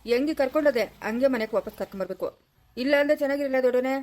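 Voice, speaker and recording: A woman's voice: sits high, racing, darkish tone, natural voice. A woman playing a stern old village grandfather who scolds his son and soothes his granddaughter in a family drama skit.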